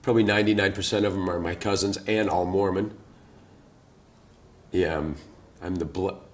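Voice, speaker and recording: A man's voice: deep voice, fairly even intonation, moderate pace. A man from Idaho giving a wry, self-deprecating interview answer.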